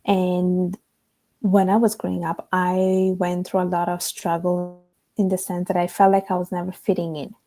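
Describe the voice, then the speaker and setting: A young adult woman from Italy, a guest telling her story in a relaxed, reflective interview. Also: lowish voice, normal speed, faint music behind. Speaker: guest, author. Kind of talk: conversational interview.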